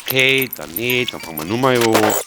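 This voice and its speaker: A man with a Bavarian accent, a native German speaker, commenting on a game in English and then repeating each line in German, excitable and prone to swearing. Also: mid-range voice, brisk, background noise. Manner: excitable, with swearing and sudden outbursts. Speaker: gaming video host. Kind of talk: bilingual gameplay commentary. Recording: loud game music behind the voice.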